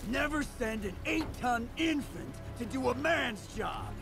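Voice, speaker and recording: Sneering high, gravelly game villain over loud game score. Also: male voice, lively intonation, measured pace, over loud music, heavily acted. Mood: taunting. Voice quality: sneering, mocking. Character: sneering male Scorpion villain, mocking and vicious.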